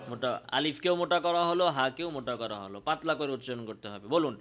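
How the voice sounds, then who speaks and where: A man with a Bangladeshi Bengali accent teaching Quran pronunciation, stretching out each sung example and explaining quickly in between. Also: medium pitch, expressive, fairly bright tone. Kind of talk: tajweed pronunciation lesson.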